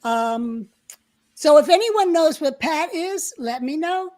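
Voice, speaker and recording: Older woman, high voice, co-host, casual live-stream chat, reminiscing, chatty. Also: expressive, slow pace, a little mellow.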